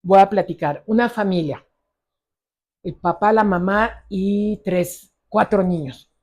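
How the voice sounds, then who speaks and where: Mellow-voiced Mexican woman psychologist. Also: mid-range voice, slow pace. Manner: lively storyteller acting out quoted dialogue. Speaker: psychologist specializing in ADHD. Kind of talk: conversational interview, storytelling.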